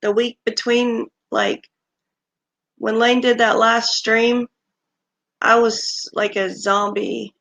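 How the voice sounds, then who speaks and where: Creaky-voiced woman chatting on stream. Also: a little high, little pitch movement, slow pace, long pauses, fairly bright tone. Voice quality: creaky morning voice. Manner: chatty, thanks viewers one by one. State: just woke up, recovering from illness. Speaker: livestream host. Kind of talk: casual chat with viewers. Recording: dull lo-fi stream audio.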